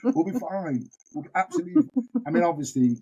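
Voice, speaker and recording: Northern english woman, podcast host, playful, laughs a lot, mellow husky voice. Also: on the low side, sing-song, quick pace, lo-fi sound. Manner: playful, laughs often, bursts into song. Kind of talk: casual chat with singing.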